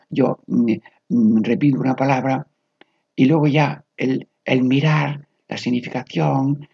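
A very husky man with a gravelly edge guides a prayer meditation on the radio. He speaks slowly and meditatively, repeating single words with long pauses. The recording sounds dull and lo-fi. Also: mid-range voice, a little mellow, no echo. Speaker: catechist leading family prayer.

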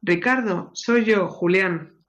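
A woman's voice: medium pitch, slow pace, lo-fi sound, lightly acted. Woman doing a worried husband. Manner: calls out loudly, anxious. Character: worried husband, middle-aged man, anxious and earnest.

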